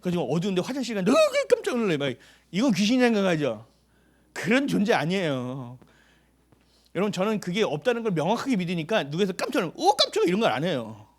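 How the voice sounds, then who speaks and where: A male pastor delivers a sermon in a high, lively voice whose pitch swoops up and down. He keeps questioning his listeners and then answering himself. For emphasis he sometimes sinks to a hushed near-whisper. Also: fast talker. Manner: animated, asks the congregation questions and answers them.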